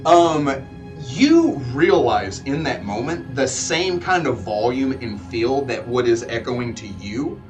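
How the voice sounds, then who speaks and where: A man's voice: mid-range voice, very animated, slow, over music. A man running a tabletop game as game master, giving descriptive narration with some fillers, heard from a distance.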